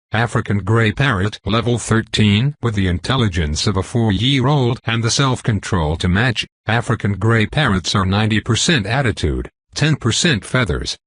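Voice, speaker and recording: A male audiobook narrator tells the story in the first person with a wry, profane edge. His voice is low and husky. The recording is dry and close. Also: a bit bright, no room sound.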